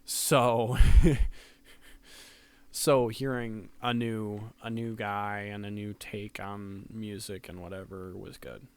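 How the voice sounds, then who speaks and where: Sleepy, slow-talking man reviewing music. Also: on the low side, level tone, clean tone. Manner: rambling, hesitant, many ums. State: sleepy, yawning late at night. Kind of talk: casual review chat. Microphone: close mic that can peak.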